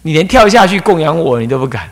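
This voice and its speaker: A man's voice: a little high, sing-song, quick pace. A man voicing a stern male Buddhist master who scolds his disciple curtly. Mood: scolding. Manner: curt, scolding.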